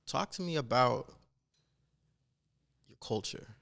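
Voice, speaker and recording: Gravelly, punchy sports interviewer. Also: male voice, medium pitch, takes it slowly. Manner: punchy, energetic prompts.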